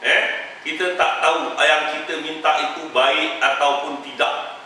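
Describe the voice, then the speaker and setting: A man with a Malaysian Malay accent giving a lively Quran commentary class as a religious teacher, teasing and mimicking as he explains. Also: a little high, measured pace, slight background noise. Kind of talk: Quran tafsir class lecture. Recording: very echoey room, mic far off.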